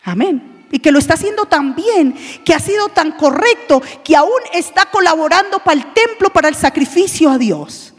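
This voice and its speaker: A woman preaching a sermon with passion, swinging between shouted lines and low, intense asides. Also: lively intonation, normal speed. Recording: long reverb of a large hall.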